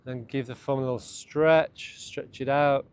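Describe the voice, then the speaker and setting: This is a soothing guided morning meditation and self-massage led by a man whose voice is mid-range. He talks in brief, gentle, unhurried phrases over a clear, constant ambient hum.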